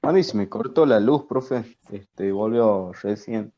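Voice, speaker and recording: A man's voice: fairly low pitch, mellow. A man, a student in an online class, speaks hesitantly over a choppy, crackly call line that keeps breaking up. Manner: hesitant, fills pauses with "este". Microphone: computer or phone on a video call. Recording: dull, lo-fi call audio.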